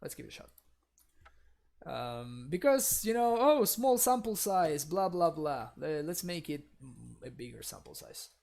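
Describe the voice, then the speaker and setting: A young native Spanish speaker with a Spanish accent streams a card game live, chatting casually with viewers and laughing often. His voice is a little high and a little mellow, with big pitch swings, vocal fry, and an unhurried pace.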